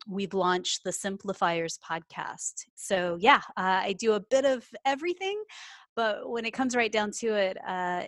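Recorded dry and at studio quality, a Texan woman with a medium-pitched voice talks about her small business from home, where she works remotely. She's a business owner and coach, and the casual interview is upbeat and packed with fillers.

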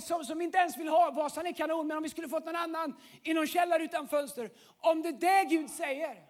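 A man preaching a sermon as pastor, swinging between impassioned shouting and hushed tones, dropping English phrases into his speech. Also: very high voice.

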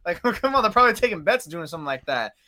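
A man's voice: sits high, big pitch swings, pushed and bright. A man in his late twenties co-hosting a casual sports talk show, loose and chatty with lots of filler words. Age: 20s. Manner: fast, loose, lots of "like" and laughter. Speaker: podcast co-host.

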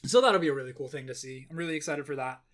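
Casual co-host, male, high light voice, loose rambling delivery full of ums. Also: very fast, fairly bright tone. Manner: rambling, frequent "um", laughs easily. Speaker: podcast co-host. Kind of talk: casual chat.

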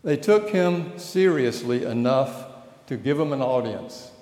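A man's voice: mid-range voice, animated, a little slow, darkish tone. A man preaching a sermon in a conversational way, often turning questions to his listeners. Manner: conversational, asks the audience questions. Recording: echoey hall with long reverb.

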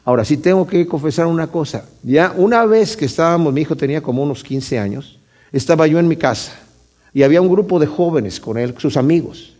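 A man's voice: a little high, a little fast, darkish tone. A man, a pastor, preaching a conversational sermon and often checking in with his listeners. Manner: conversational preaching with frequent tag questions.

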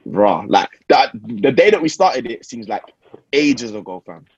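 A man's voice: mid-range voice, big pitch swings, measured pace, slightly rough, dry recording, lo-fi sound. A young man with a London roadman accent, co-hosting a podcast in casual, slangy banter with friends. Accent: London roadman, multicultural London English. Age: young adult. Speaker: podcast co-host.

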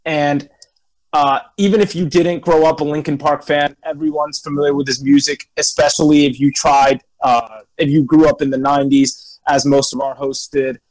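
A man's voice: a little high, fairly even intonation, moderate pace, darkish tone, poor audio. A young man hosting and moderating a podcast in a casual, conversational way.

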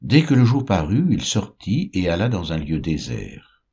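A man reading scripture aloud in a slow, measured way. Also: deep voice, sing-song, dark tone, breathy edge. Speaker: Bible reader. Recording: dull lo-fi recording.

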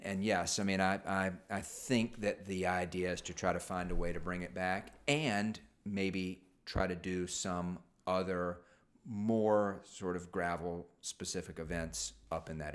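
A man's voice: low-pitched, unhurried. A man co-hosting a cycling podcast, talking casually with lots of fillers and restarts. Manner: rambling, many fillers and restarts. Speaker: podcast co-host. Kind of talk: casual chat.

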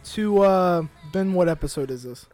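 A young man hosting a podcast, chatting casually in a rambling, joking way and sometimes getting loud. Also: high-pitched, lively intonation, moderate pace, faint music behind. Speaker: podcast host. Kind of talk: casual chat.

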